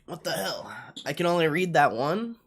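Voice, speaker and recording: On a livestream, a young man reacts to the screen in very animated, casual chatter, his voice on the high side and fairly bright at a normal speed. He curses freely, leans on slang, and repeats himself a lot.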